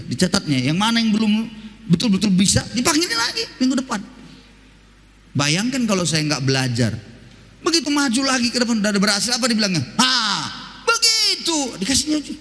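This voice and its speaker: A man preaching a sermon as pastor, telling stories in a lively, colloquial way with rhetorical questions. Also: sits high, fast, long reverb tail.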